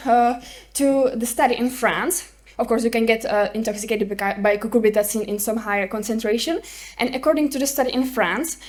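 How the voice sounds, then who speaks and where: A woman's voice: fairly high pitch, a little mellow. A woman from the Czech Republic with a Czech accent, giving a medical case presentation and putting questions to her listeners. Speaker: hospital clinician presenting a case report. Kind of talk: conference presentation.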